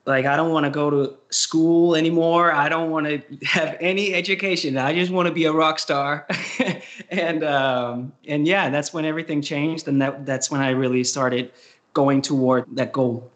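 A young man from Denmark, a singer-songwriter with a Danish accent, is a guest in a casual interview, chatting in a rambling, hesitant way full of fillers, restarts and laughs. His voice is on the high side and a bit bright, with fairly even intonation and a moderate pace.

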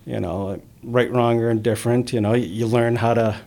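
A man, a police officer, talking earnestly in an interview, with many pauses and fillers. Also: medium pitch, fairly even intonation, gravelly, mellow. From immigrant, grew up in the US. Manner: earnest, halting, many "you know" fillers. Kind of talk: conversational interview.

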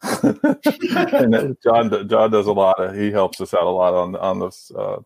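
A man chats about sports in a halting way, repeating words as he gets going. His voice is low. The sound is dry and close to the mic. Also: sing-song, gravelly, darkish tone, no echo. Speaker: podcast co-host. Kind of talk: casual sports chat.

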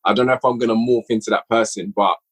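Speaking quickly in a mid-range, slightly rough voice with fairly even intonation, this audio drama writer and director chats casually as a podcast guest. He reflects on his work, often repeating phrases to stress a point.

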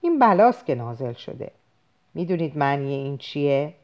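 Anxious pious father in an audiobook , read by a woman, low voice with lively swings, pleading. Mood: fearful.

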